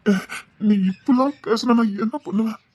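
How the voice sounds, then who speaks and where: An actor playing a gentle young man, unhappily married, who talks in a soft, husky voice in a TV serial melodrama. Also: extremely high pitch, moderate pace, no room sound. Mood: soothing.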